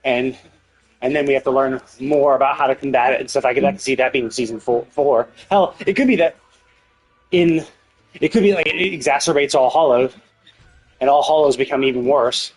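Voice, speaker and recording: On a game livestream, a man with a medium-pitched voice talks fairly quickly and casually, rambling as he thinks aloud and speculates, often repeating his words. The audio quality is poor, with faint music in the background.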